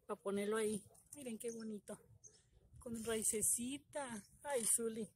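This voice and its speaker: A middle-aged woman, talking excitedly to viewers in a casual unboxing video, her voice trembling with emotion. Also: on the high side, measured pace, husky. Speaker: gardening vlogger.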